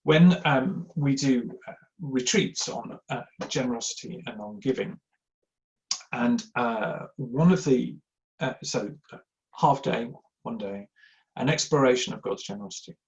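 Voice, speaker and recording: A man's voice: medium pitch, animated, measured pace, gravelly. A middle-aged man, giving a rambling, anecdotal, self-deprecating talk on giving to a live audience, with plenty of ums and uhs. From Yorkshire, England. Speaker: church giving speaker. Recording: slightly dull lo-fi sound.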